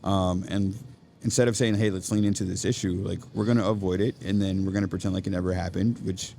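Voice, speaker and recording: A slight hiss or hum sits under this coffee-shop podcast interview, where a man who runs an education nonprofit speaks quickly in a deep, gravelly, mellow voice with a steady tone. Earnest and casual, he thinks aloud and keeps asking "right?"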